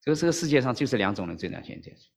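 This pastor talks rapid-fire in a medium-pitched, gravelly, slightly rough voice, his sermon echoing through a large hall. Preaching Mandarin church-style, he tells a story with lively acted-out voices and keeps checking in with "OK?"

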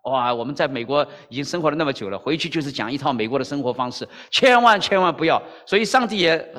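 A man's voice: on the high side, quick pace, long reverb tail. A male pastor preaching in Mandarin-speaking church style, telling a story and acting out the voices, often checking in with listeners. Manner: animated, acts out dialogue, frequent "OK?" to the audience. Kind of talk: sermon with storytelling.

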